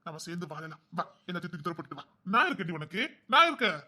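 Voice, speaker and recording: An actor playing a devoted husband who gently and insistently coaxes his wife, repeating himself as he pleads. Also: high voice, quick pace. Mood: pleading. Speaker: husband in a drama series. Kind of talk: emotional drama acting.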